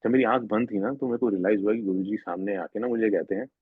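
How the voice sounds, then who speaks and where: A man with a husky, somewhat low voice gives an earnest, rambling testimony, often breaking off and restarting his sentences. The sound is thin and phone-like, and it is dry with no room echo. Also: fast. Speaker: devotee sharing a personal spiritual experience. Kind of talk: personal testimony at a devotional gathering.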